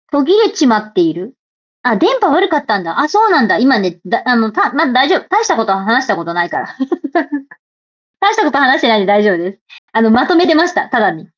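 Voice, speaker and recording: A woman's voice: a little high, very animated, fairly quick, muffled recording. A woman hosting a livestream, chatting casually and playfully while reading out viewer comments. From Japan. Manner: chatty and playful, laughs often, reads comments aloud. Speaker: livestream host.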